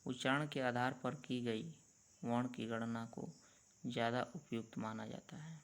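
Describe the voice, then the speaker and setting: Slow, measured man teaching a lesson. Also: medium pitch, steady tone. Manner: slow, measured, drawn-out letter sounds. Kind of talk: explaining a grammar lesson.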